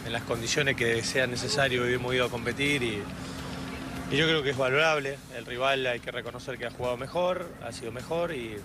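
A man speaking as a national team coach after a match, measured and reflective. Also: mid-range voice. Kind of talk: post-match press remarks.

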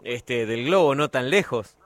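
A man's voice: mid-range voice, expressive, unhurried, no room sound. A man interviewing an athlete on the radio in a conversational way. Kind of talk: interview questions.

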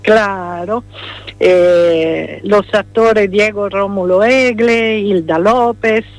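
A playwright and poet from Rome, Italy, gives a radio interview in Spanish, which she speaks as a non-native with an Italian accent. Her voice is medium-pitched, and she's hesitant, pausing often to search for words and using many fillers.

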